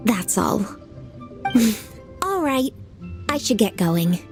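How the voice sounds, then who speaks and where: A brisk dutiful official. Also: female voice, a little high, sing-song, a little mellow, soft background music, exaggerated voice. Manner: composed, formal, dutiful. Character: young woman official, diligent and businesslike. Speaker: government official. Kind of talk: video game voice acting.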